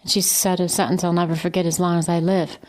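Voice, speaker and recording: Brief: older mother, documentary interviewee, lively retelling, acts out quotes, slightly low voice. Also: fast talker. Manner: vivid storyteller acting out quotes. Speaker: mother of the exonerated man.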